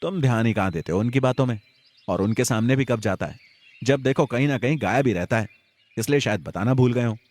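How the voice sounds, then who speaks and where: A man's voice: mid-range voice, fairly quick, darkish tone, voice pushed up, lightly acted. A man voicing Radha, a teenage village girl chiding her older brother in a matter-of-fact way in a Hindi audio story. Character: teenage village girl, bossy younger sister.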